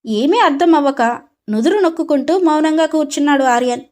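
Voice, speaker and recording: A woman narrating an animated storybook with expressive, scripted storytelling. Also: high voice, fairly quick.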